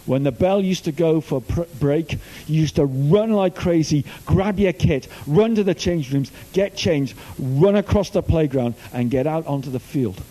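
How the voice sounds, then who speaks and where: An older man from Wales, working as a youth minister, offers a chatty, joking sermon built around stories. His warm voice is on the high side, moving at a moderate pace with few pauses, and the audio is poor.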